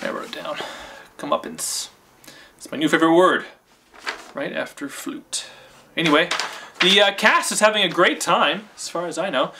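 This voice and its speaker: A man's voice: on the high side, normal speed, long pauses. Young man rambling eagerly behind the scenes. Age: young adult. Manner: eager, goofy, excitable director. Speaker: filmmaker directing the shoot. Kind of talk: comedic behind-the-scenes mockumentary talk. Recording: noisy amateur camera audio.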